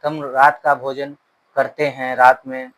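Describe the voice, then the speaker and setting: A man teaching an English lesson in Hindi. He reads English words slowly, translates them, and repeats the grammar rules. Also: medium pitch, little pitch movement, a bit bright, low-quality recording. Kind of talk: slow bilingual grammar lesson.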